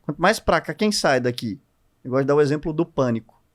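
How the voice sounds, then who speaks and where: A man with a Brazilian accent, a guest on a podcast, explaining ideas in an animated, expressive conversational way. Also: fairly high pitch, fast talker. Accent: Brazilian Portuguese. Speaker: guest entrepreneur.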